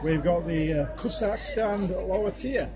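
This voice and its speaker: A man's voice: sits high, normal speed, over a noisy crowd. A man chatting casually and cheekily to viewers as he films a road-trip vlog outdoors. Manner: chatty, cheeky and sweary, addresses viewers directly. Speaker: vlogger. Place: outdoors, roadside, airport and stadium. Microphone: handheld camera. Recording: loud outdoor noise with traffic and jets.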